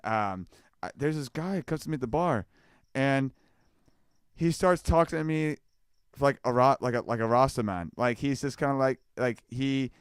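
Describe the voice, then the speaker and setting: A man's voice: medium pitch, smooth, dry recording, studio quality. A man hosting a casual football podcast, rambling loosely with restarts and asking "you know what I mean?". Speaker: podcast host.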